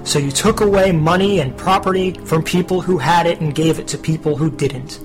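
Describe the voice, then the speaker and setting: A stern spirit of the future, played by a man who lectures in a firm, sarcastic tone. The voice sits slightly high, with clear music underneath. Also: moderate pace, lightly acted. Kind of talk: comedic parody radio play.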